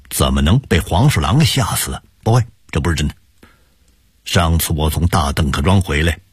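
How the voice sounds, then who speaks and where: A man's voice: deep voice, breathy edge, no echo, studio quality, full character voice. A man voicing a middle-aged man returning home, hearty at first and then stunned. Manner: hearty calls, then disbelieving murmur.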